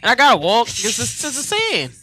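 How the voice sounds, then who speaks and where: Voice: medium pitch, huge pitch swings, brisk, sharp tone. A guest in their thirties, telling stories in a loose, profane way during a casual studio chat. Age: 30s. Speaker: music artist guest. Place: radio studio.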